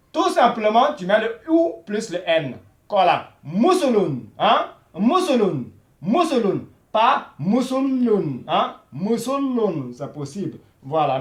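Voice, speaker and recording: A man teaching a beginners' Arabic video lesson, repeating each word slowly and saying "voilà" and "hein" all the time. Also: high voice, roomy sound. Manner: slow and repetitive, repeating each word many times; says "voilà" and "hein" constantly.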